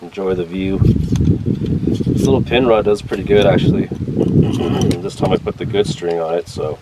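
A man casually signing off his fishing vlog outdoors, chatty and relaxed, with loose sentences. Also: sits low, moderate pace, very noisy. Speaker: fishing vlogger. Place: outdoors by the water.

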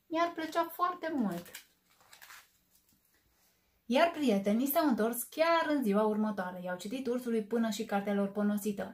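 A woman reading a children's story aloud and hosting her own storytelling channel, expressive and lingering on words. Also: medium pitch.

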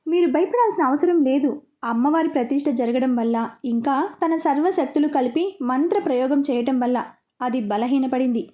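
A woman voicing a calm, reassuring older temple priest in a story reading. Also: sits high, moderate pace, lightly acted.

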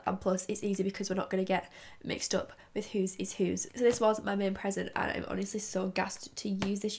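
A woman talks straight to her viewers in a bubbly, chatty way, unpacking her gifts for a casual vlog. Her nose is stuffed up from a cold, so every word comes out thick and nasal. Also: medium pitch. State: congested, blocked nose from a cold. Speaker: YouTube vlogger. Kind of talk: casual haul vlog chat.

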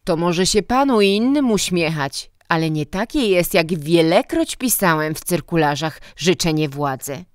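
A woman's voice: on the low side, lively intonation, moderate pace, few pauses, no echo, clean studio sound, natural voice. A woman reading a story voices a stern, mocking middle-aged man, a school director who scolds and lectures. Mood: scornful.

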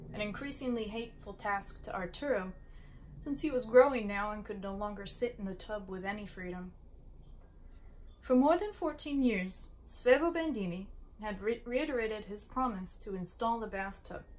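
A woman reads a novel aloud at a steady, unhurried pace. She stumbles on a word now and then and restarts it. She sometimes steps out of the text for a quick aside to the listener. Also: medium pitch, low-quality recording. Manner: occasional slips and restarts, brief asides. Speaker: reader.

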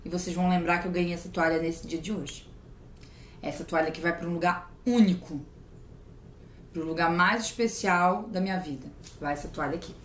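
A woman's voice: fairly low pitch, fairly even intonation, moderate pace, echoey room, slight background noise. A woman from Brazil, chatting casually and gushing as she opens mail at home. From southern Brazil. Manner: gushing, exclamatory, playful. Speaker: vlogger opening mail. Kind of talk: casual unboxing chat.

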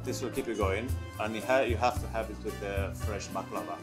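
A man, chatting eagerly and in halting phrases as he explains coffee in a small café. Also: on the low side, steady tone. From Turkey. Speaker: coffee guide. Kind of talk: casual explaining chat. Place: small red-lit café indoors. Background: music.

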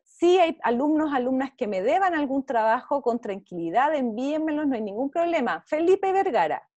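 A woman teacher with a Chilean Spanish accent, leading young children through an online art class over a video call. Her voice sits high and swoops up and down as she encourages them, with a dry, close sound and no room echo. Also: very animated, normal speed, a little mellow, muffled recording. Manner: encouraging, checks in often with "¿ya?". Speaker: visual arts teacher.

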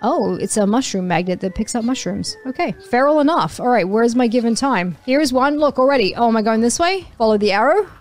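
Excitable woman narrating her gameplay. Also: a little high, a little fast, few pauses, faint music behind. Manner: excitable, exclaiming and muttering at the game. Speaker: gaming channel host. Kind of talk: casual let's-play commentary.

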